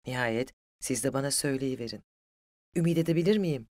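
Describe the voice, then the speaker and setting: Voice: mid-range voice, fairly quick, a little mellow, no room sound, close to an everyday voice. A narrator voicing a proud, hot-headed young male suitor who talks in a raised, agitated and mocking way. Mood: pleading.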